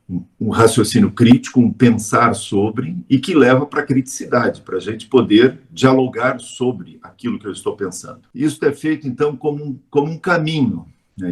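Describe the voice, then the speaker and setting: A middle-aged Brazilian man, a teacher, giving a measured, explanatory lecture in a live webinar, often adding tag questions. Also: on the low side. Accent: Brazilian Portuguese.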